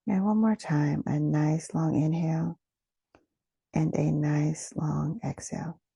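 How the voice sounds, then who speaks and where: Soothing and gentle, a woman talks listeners through a meditation at an unhurried pace, her breathy voice sitting low and her tone steady, with pauses separating phrases. It's studio quality with no room sound.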